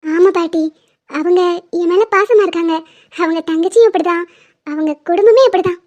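Woman voicing a very high, cheeky young woman. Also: moderate pace, darkish tone. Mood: gentle. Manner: cheeky, playfully defiant. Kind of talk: animated series voice acting. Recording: dull lo-fi sound.

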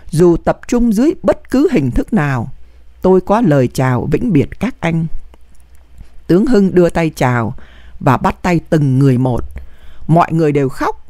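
An audiobook reader tells a wartime memoir with strong emotion. The pitch moves widely across each phrase, and the voice sits dry and close to the mic, with no room sound. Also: mellow, dry recording. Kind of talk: dramatic memoir reading.

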